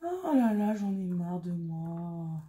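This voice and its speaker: A woman's voice: fairly low pitch, big pitch swings, slow pace, mellow. A woman chatting casually and mocking herself while she works on a craft, thinking aloud as she goes. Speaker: craft vlogger.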